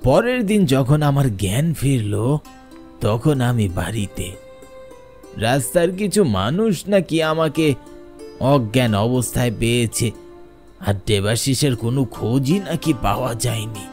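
Slow dramatic male storyteller. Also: mid-range voice, lively intonation, faint music behind. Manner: dramatic, slow and hushed at scary moments. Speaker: narrator. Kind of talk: storytelling narration.

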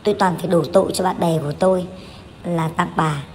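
Thirties woman chatting over her vlog, lots of um and restarts, lowish voice, bit of faint hum behind. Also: fairly even intonation, fairly quick, darkish tone. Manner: candid, chatty, with frequent fillers and self-corrections. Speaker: vlogger. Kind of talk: voice-over narration of a family vlog.

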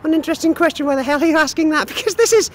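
Goofy squeaky Scottish sock puppet. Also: male voice, rapid-fire, a little hiss or hum. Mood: bantering. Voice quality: squeaky falsetto. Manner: goofy, bantering. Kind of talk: improvised puppet comedy sketch.

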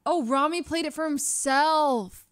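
A woman's voice: high-pitched, unhurried, dry recording, studio quality. A woman streamer chatting casually, thinking aloud and asking puzzled questions. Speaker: streamer, host.

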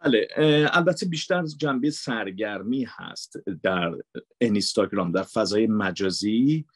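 A man's voice: on the low side, breathy edge, no echo. A man with a Mashhadi Persian accent, a voice actor, answering interview questions earnestly and emphatically. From Mashhad, Iran. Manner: earnest, emphatic, repeats for stress. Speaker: voice actor and dubber.

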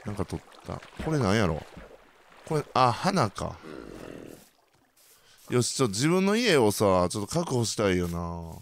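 A young man with a Kansai accent commentating his own game play, bursting into loud reactions and then muttering quietly. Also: measured pace, pauses often, a little hiss or hum. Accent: Kansai Japanese. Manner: excitable, reacts loudly to surprises, then mutters low. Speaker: gaming channel host.

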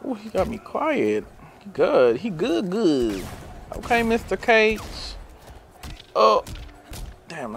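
A man with a rough, gravelly voice narrates his own fighting game matches in casual commentary. He talks at an unhurried, drawn-out pace, swinging between excitable, profane taunts and worried self-talk. A faint hum of noise sits under his voice. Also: mid-range voice. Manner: nervous self-talk and sighs when losing.

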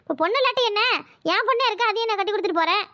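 A shrill, fast-talking cartoon aunt, as a woman voices her, smug and sharp-tongued. She rattles along at a quick clip and mocks everyone around her with brisk dismissal. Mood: dismissive.

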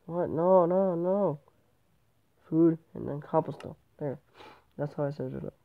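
Fairly high-pitched and gravelly, a male gamer with cold-induced congestion talks through his game at a measured pace, wandering and revising himself as he goes. The channel host's tablet mic gives a tinny, phone-like sound.

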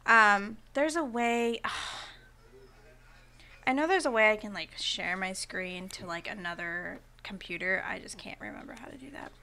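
A woman's voice: medium pitch, moderate pace, pushed and bright. A woman hosting a board game stream, chatting casually and giggling between rambling remarks. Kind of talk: casual chat while playing.

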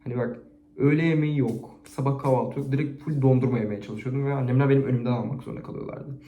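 A man chatting casually to a camera, reading out embarrassing stories and rating them, expressive and chatty. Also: medium pitch, quick pace, highs cut off. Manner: chatty and expressive, with frequent laughter. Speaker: YouTuber reading viewers' stories. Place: indoors at home, set-up camera. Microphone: camera on a stand. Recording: echoey room.

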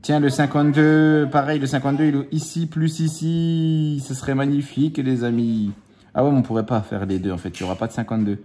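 A man's voice: mid-range voice, steady tone, warm tone. A man chatting casually at home while scratching lottery tickets, teasing his kids and drawing out the numbers. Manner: playful, teasing, drawn-out number counting. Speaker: scratch-card vlogger. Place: at home with his children nearby.

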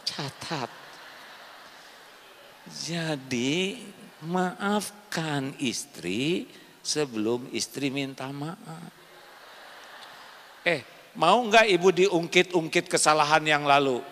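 An Indonesian man preaching a sermon to a live congregation, quizzing the listeners and swinging between soft explanation and loud emphatic points. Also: on the high side, very slow, pauses often, long reverb tail, slight background noise.

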